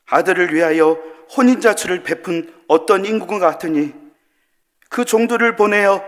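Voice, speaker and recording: A man preaching in a church sanctuary with a high voice, throwing question after question at his listeners. He swings from loud, pleading cries down to hushed murmurs. His words ring out with a long hall reverb. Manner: rhetorical questions to the congregation. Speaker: pastor. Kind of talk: sermon.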